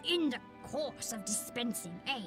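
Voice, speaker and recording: A woman's voice: a little high, expressive, pitched below the performer's own voice. Lady doing an old man game npc, very formal n old-timey, troubled but polite, music behind. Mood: earnest, troubled. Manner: courtly, archaic, measured phrasing. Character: formal old man, a festival delegate asking for help.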